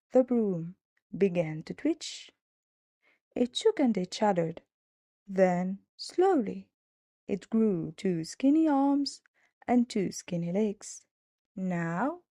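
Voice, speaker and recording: A woman narrating a children's storybook in an expressive, measured way on a close mic. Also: mid-range voice, no echo.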